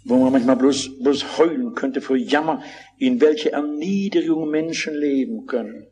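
A man's voice: medium pitch, measured pace, warm tone, breathy edge, faint music behind. An older man preaching a sermon, telling stories with fervent, dramatic delivery and acted-out quotes.

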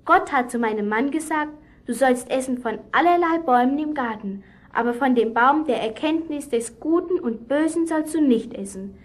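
A woman doing a soft, curious first woman. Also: high-pitched, expressive, moderate pace. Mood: earnest. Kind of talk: children's radio play.

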